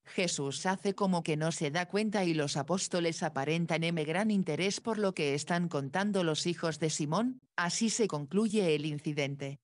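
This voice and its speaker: A woman narrating an audiobook with a measured, steady reading. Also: deep voice. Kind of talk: scripted narration.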